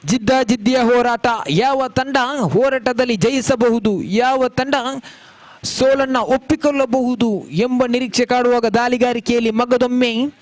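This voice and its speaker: A man. His delivery is flowing and formal, and it lifts when a big shot comes. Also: very high-pitched. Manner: flowing, formal commentary with rising calls on big shots. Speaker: cricket commentator. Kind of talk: live cricket commentary. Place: cricket ground.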